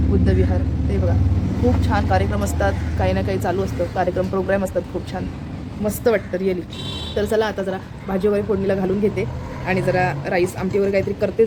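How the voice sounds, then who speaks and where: A woman's voice: mid-range voice, noisy background. A woman vlogger chatting casually as she walks a phone camera around her home and kitchen, pointing things out as she goes and getting over a cold and fever. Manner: chatty, repeats "look here" as she shows the camera around. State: recovering from a cold and fever, feels weak. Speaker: family vlogger. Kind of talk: casual home tour vlog. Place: apartment home, indoors, in the kitchen and by the windows.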